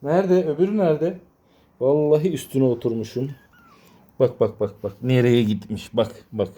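A man filming his kittens on a phone at home, coaxing and teasing them and slipping into a high, playful baby-talk voice. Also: steady tone, normal speed, warm tone. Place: home with cats.

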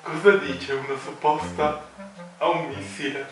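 Higher-voiced young man, trying not to laugh. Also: steady tone, measured pace. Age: young adult. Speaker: contestant in a joke challenge. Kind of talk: casual delivery of one-line jokes. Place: home kitchen, indoors at a table. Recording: echoey room, distant mic, music behind.

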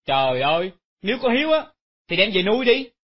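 A woman voicing hypocritical grown children who sneer and wail, with a husky tone. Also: medium pitch, big pitch swings, brisk. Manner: wailing, sneering. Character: hypocritical children wailing loudly over mother. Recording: dull lo-fi recording.

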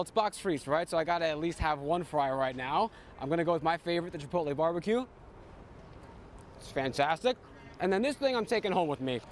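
A young man hosting a pregame baseball show, delivering scripted segments with energetic, promotional punch from around the ballpark. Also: on the high side, slight background noise. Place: ballpark concourse and museum.

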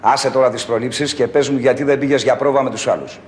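A man's voice: mid-range voice, steady tone, slight background noise, close to an everyday voice. An actor playing a pushy show manager who scolds his star and coaxes a young woman, in 1980s comedy style. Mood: bossy. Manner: blustering, coaxing. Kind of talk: 1980s film comedy acting. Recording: roomy old film track.

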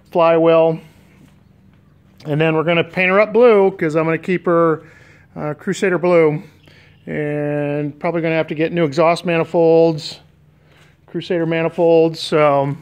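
Filmed on a handheld camera held by someone behind it, an American man who restores boats and vlogs gives an unscripted, hesitant tour of his project in a concrete-floored garage, thinking aloud. His slightly high voice sounds clear and resonant.

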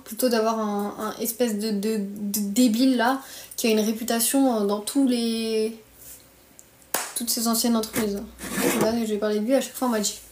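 Slightly high with a darkish tone, a French-accented woman in her early twenties gripes bluntly and in slang while livestreaming. She sits in a small bedroom, with her phone at arm's length catching echo and a bit of background noise.

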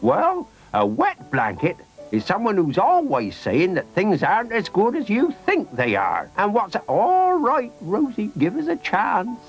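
A man's voice: sits high, wildly swooping pitch, a little slow, few pauses, pitched above the performer's own voice, heavily acted, rough recording. A man voicing a bossy but fond old grandmother in a children's radio story. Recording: faint music behind.

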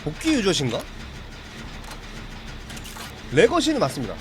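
A man's voice: high voice, huge pitch swings, racing, over music. A man chatting casually with his viewers while streaming a horror game, reacting to the play and answering chat.

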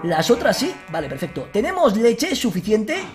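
A man with a Spain Spanish accent hosting a let's-play, excitable, shouting at enemies and joking with viewers. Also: high voice, normal speed, over music. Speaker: gaming video host.

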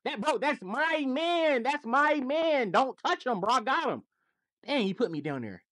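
An American man playing an excitable teenage boy gamer in a casual comedy skit. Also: very high-pitched, measured pace, no room sound, clean studio sound, heavily acted. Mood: flustered.

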